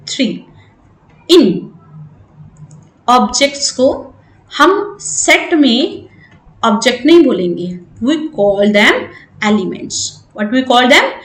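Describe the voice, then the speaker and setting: This maths lesson comes from a woman with an Indian accent and a high-pitched, somewhat bright voice, recorded in an echoey room. She explains each step, switches between English and Hindi, and frequently checks understanding with "right?".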